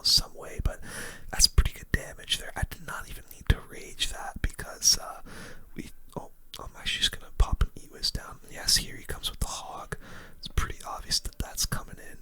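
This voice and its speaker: A gaming host whispers the whole time, close to the microphone, in a relaxed ASMR-style game commentary. The audio sounds bright and crisp up top.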